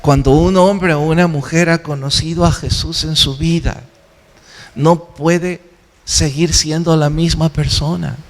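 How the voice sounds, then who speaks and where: A man preaching a sermon as pastor, earnest and exhorting, often asking questions and answering them himself. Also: a little high. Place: church sanctuary. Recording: long hall reverb.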